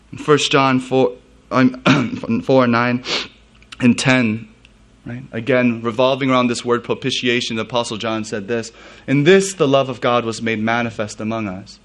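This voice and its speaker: Man preaching in a conversational way. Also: medium pitch. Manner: conversational preaching with asides and soft laughs. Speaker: pastor. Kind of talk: sermon.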